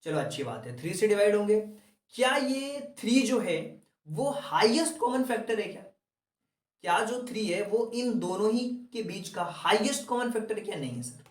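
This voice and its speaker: A man's voice: high voice, lively intonation, normal speed. Echoey male maths teacher, far from mic. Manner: asks questions and answers them for the students. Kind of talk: classroom maths lecture.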